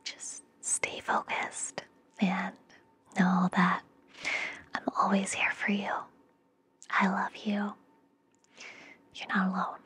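A young adult woman hosts an ASMR podcast, whispering soothing guided relaxation and affirmations right up against a fluffy-covered mic indoors. Her whisper is super breathy, gentle and reassuring, with a pretty flat pitch, slow delivery and frequent pauses.

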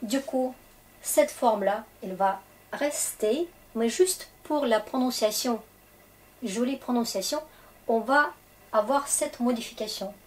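A woman's voice: fairly high pitch, a little slow. A woman with a Russian accent teaching Russian grammar in French, explaining patiently and checking in often. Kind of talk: grammar lesson for French speakers.

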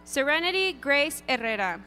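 A woman reading graduates' names at an outdoor graduation ceremony, announcing each one deliberately. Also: high voice, very animated, bright, forceful tone, soft background music. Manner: deliberate, lilting name announcing. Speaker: graduation name reader. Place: outdoor stadium ceremony over PA.

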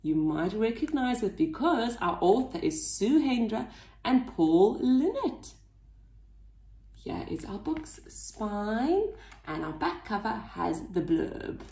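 Woman reading to kids, sing-song, slow, mellow, echoey room. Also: medium pitch, very animated, vocal fry. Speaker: children's story reader. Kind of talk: reading a picture book aloud to children.

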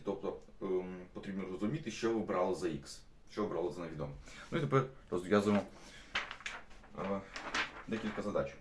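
Teacher, male, young adult, low voice. Explains problems step by step. Recorded from a distance in an echoey classroom. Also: a little mellow. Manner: stops often to restate steps with fillers. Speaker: math teacher. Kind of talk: explaining math problems to students. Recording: echoey room, mic at a distance.

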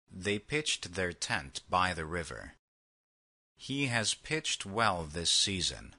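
A man reading vocabulary words and example sentences slowly, with a husky voice. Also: sits low, sharp tone. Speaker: vocabulary lesson reader. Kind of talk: slow read example sentences.

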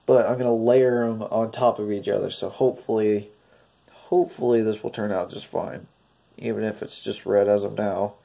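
A man's voice: on the low side, fairly even intonation, moderate pace, gravelly, warm tone. A man with a nasal, stuffy voice, hesitantly talking through a DIY painting tutorial step by step and hoping it turns out well. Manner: hesitant, hopeful, talks through each step. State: stuffy, congested. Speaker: craft tutorial host.

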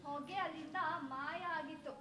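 A woman's voice: high voice, fairly even intonation, moderate pace, noisy background, natural voice. A woman acting the spirit of a dead young wife in a stage drama, speaking in a bitter, cutting, reproachful way. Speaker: stage actor. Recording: echoey stage sound.

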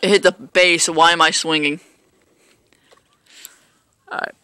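A man's voice: a little high, steady tone, takes it slowly, sharp tone, smooth, no room sound. A man casually commentating his own baseball video game play, rambling and joking at himself with lots of fillers. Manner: rambling, self-mocking, hesitant with fillers. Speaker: gameplay commentator.

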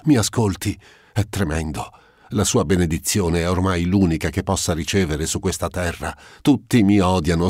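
A man's voice: low voice, darkish tone, slightly rough, no room sound, studio quality, pitched above the performer's own voice. A man voicing a desperate noblewoman pleading at her dying father's bedside in an audiobook. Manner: pleading, sobbing outbursts. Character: desperate grieving noblewoman, young daughter.

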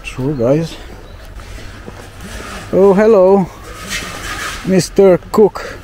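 A man's voice: high-pitched, lively intonation, extremely slow, mellow, slight background noise. A young man from Romania filming a casual travel vlog outdoors, talking to his viewers and exclaiming at what he sees. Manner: exclaims often, loose fillers, talks to viewers as guys. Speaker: travel vlogger. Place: outdoors in a town street.

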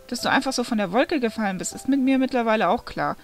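A woman's voice: a little high, expressive, fast talker, faint music behind. Woman reading as a snappy young male demon. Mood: demanding. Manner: snappy, scolding. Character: angry young male demon, son of Satan.

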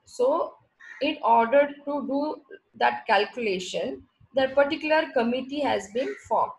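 A woman's voice: high voice, expressive, unhurried, rough recording. A woman with a South Indian accent teaching an online class over a video call, explaining by repeating and rephrasing her points. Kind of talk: slide lecture with repeated check words.

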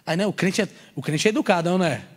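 A man preaching to a congregation at a youth service. He is animated and slangy, joking and acting out little scenes as he preaches. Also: high-pitched, quick pace. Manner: slangy, casual street talk. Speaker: pastor. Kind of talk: sermon at a youth church service.

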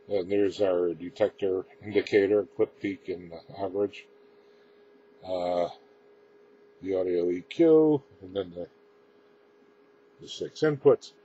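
Warm and low-pitched, this presenter walks through his homemade radio gear in an unscripted, casual demo, his explanations plain, halting and matter-of-fact. The small room he's in is crammed with radio equipment, and the muffled, lo-fi camera recording carries noticeable background noise.

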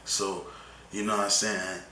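A man's voice: low voice, little pitch movement, a little slow, a little hiss or hum. A young man rambling through a storytime vlog in casual slang, often tagging on "you know what I'm saying". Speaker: vlogger telling a story. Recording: echoey room with loud music behind.

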